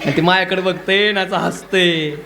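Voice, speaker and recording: A man giving a humorous devotional sermon to children, bantering and coaxing them to shout back. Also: sits high, fairly even intonation, normal speed, background noise. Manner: bantering call-and-response, coaxing the crowd to shout. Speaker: kirtan preacher.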